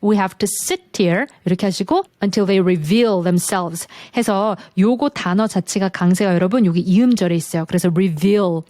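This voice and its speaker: A woman gives an online English lesson. She explains each point step by step and models phrases slowly. Her voice is dry and close. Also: mid-range voice, dark tone, dry recording. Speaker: English teacher.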